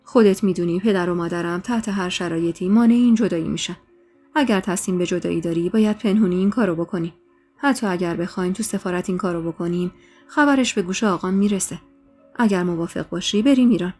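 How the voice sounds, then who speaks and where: A woman's voice: lowish voice, warm tone, faint music behind, close to an everyday voice. A woman voicing a young husband who is evasive and pleading in a spoken story. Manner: placating, pleading.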